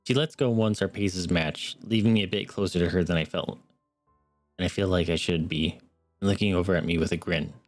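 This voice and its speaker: A man's voice: low voice, steady tone, a little fast, no echo, soft background music. A young man streaming, earnestly reading a story game aloud and adding wry asides. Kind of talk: reading a visual novel aloud with commentary.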